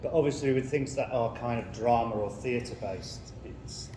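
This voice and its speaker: A man's voice: medium pitch, normal speed. A man talking informally as a drama trainer, explaining in a reassuring way. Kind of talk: informal teaching discussion. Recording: echoey room with background noise.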